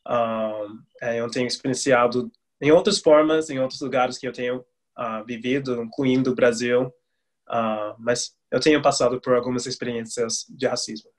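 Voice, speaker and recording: Male interviewee from Texas, average pitch, slow and hesitant. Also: steady tone. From Texas, United States. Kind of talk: testimony interview.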